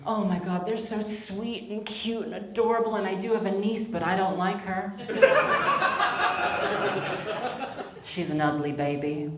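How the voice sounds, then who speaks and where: A woman doing a stand-up comedy set, deadpan and self-mocking with quick asides to the crowd. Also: medium pitch, noisy background. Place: comedy club stage. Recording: echoey club, distant mic, audience laughter. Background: audience laughter.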